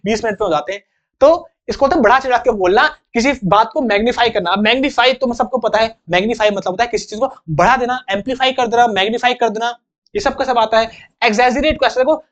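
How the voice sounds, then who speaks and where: A man's voice: very high voice, a bit bright. Casual teacher: man, chatty and jokey, plays out examples. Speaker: English teacher. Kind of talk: online vocabulary lesson.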